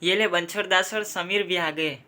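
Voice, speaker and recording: A young man acting out a comedy sketch, playing several family roles and switching his pitch between them. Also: steady tone, normal speed, pushed and bright.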